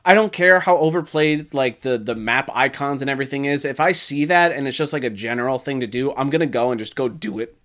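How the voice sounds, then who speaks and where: Young dude cohosting a game podcast, average pitch, rambly, swears a lot, gets loud. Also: male voice, brisk, few pauses. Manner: rambling and animated, swears freely, bursts loud when worked up. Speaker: podcast co-host. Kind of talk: casual chat.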